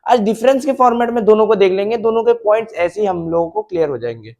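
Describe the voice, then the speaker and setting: A man's voice: high voice, expressive, quick pace, a little mellow. A male biology teacher lecturing at a board, mixing Hindi and English, repeating key terms and checking that students follow.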